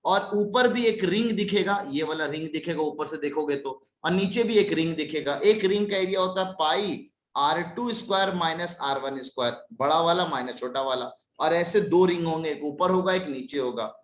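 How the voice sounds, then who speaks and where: A man teaching a live online maths class, lively and scolding his students in jest. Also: on the high side, normal speed, few pauses, roomy sound.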